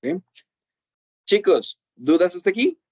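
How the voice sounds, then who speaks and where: A man's voice: high-pitched, sing-song, darkish tone, breathy edge, no room sound, dull audio. A man teaching an English class, explaining patiently and checking often that his students follow. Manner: patient, repeats "¿ok?" to check understanding; slows down to say English examples. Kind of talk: online class explanation in Spanish.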